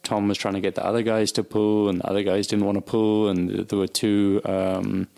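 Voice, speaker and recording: A man's voice: on the low side, flat delivery, a little fast, vocal fry, darkish tone. A man, a former professional cyclist, casually recounting racing stories with many fillers and restarts. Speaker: former pro cyclist guest. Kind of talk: casual conversational storytelling.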